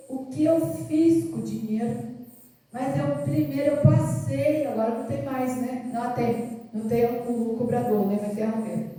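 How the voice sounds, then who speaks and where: A woman preaches in an earnest, storytelling way, often repeating her phrases. Her voice is dark and mellow but sits a little high. She is picked up from a distance, and the big church echoes loudly around her. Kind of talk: sermon with personal testimony. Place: large echoing church hall.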